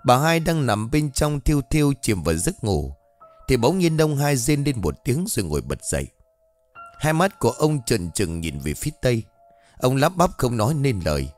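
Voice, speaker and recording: A man's voice: mid-range voice, very animated, normal speed. Dramatic male ghost-story narrator. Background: faint background music.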